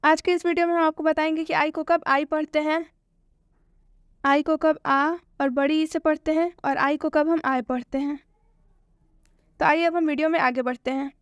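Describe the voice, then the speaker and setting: A woman gives a spoken English lesson. She asks questions and answers them herself, and she repeats each point slowly. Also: sits high, steady tone, dry recording, studio quality. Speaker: English teacher.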